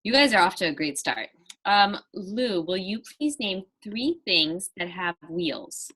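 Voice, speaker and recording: A woman's voice: mid-range voice, expressive, unhurried, a bit bright, husky. A woman acting as quizmaster in a casual game, chatting and reading out challenges. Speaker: host, quizmaster.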